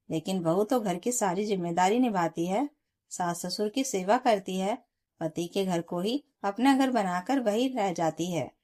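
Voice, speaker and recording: A woman voicing a sick, weary young daughter-in-law who speaks softly and reasons calmly in a storybook tale. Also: medium pitch, close to an everyday voice.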